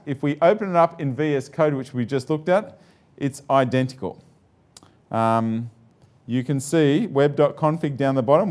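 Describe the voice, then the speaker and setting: A man's voice: mid-range voice, darkish tone. A man giving a live presentation to an audience, chatty and joking, with many fillers and restarts.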